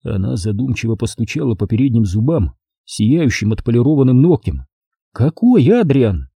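A man's voice: mid-range voice, expressive, brisk, gravelly, mellow, slightly rough, no room sound. A man reading a first-person audiobook in an intense, brooding way, recorded close and dry. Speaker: audiobook narrator. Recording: dry close-miked studio sound.

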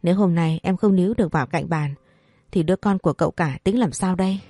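A woman voicing a scheming pregnant young maid who wails and pleads fast in fake tears. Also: on the low side, dark tone, dry recording, clean studio sound. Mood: wailing.

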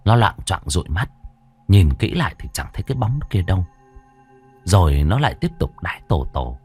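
A man's voice: low voice, very animated, normal speed, a little mellow, breathy edge, soft background music. A man narrating a ghost story with a dramatic, swooping delivery.

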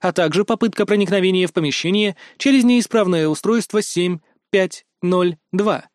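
A man voicing a female AI unit that reports in a flat, formal, clipped way in an audiobook. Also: high-pitched, moderate pace, dry recording, studio quality, close to an everyday voice. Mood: detached. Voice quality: clipped, formal machine diction. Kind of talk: audiobook character voice.

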